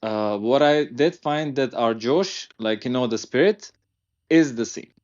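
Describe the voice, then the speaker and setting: A man's voice: medium pitch, measured pace, darkish tone. Hesitant man, dull audio. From Serbia. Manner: hesitant, many fillers and restarts. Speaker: guest. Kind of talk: casual interview conversation.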